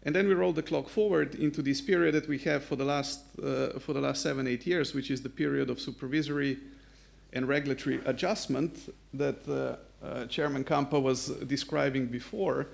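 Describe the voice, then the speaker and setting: A man with a strongly gravelly, fry-heavy voice speaks on a conference panel. He builds his case point by point with firm emphasis. His pitch sits in the middle range. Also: steady tone, normal speed. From Slovenia. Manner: assertive, structured, emphatic.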